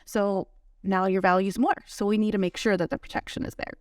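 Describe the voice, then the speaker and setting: A woman's voice: medium pitch, steady tone, fairly quick, dry recording, studio quality, far from the mic. A woman guest who owns an insurance agency, speaking plainly with a few hesitations on a casual talk show. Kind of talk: casual chat.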